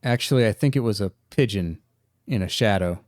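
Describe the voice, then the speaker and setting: A man doing a deadpan ghost. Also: on the low side, a little fast, dry recording, clean studio sound, lightly acted.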